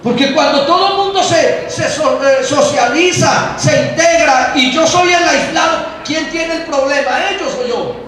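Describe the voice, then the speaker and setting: High-voiced preacher echoing from afar. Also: male voice, a little slow, few pauses, a bit bright. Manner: playful, mimics excuses of young people in an exaggerated tone. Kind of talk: lively sermon to a congregation. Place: church hall. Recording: very echoey hall, voice from far off, faint noise.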